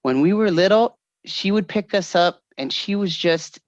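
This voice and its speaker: A middle-aged man co-hosting a podcast, telling stories in a lively way, acting out the quoted voices and laughing often. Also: high-pitched, normal speed, no room sound, muffled recording. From Northern California. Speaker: podcast co-host. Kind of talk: casual storytelling chat.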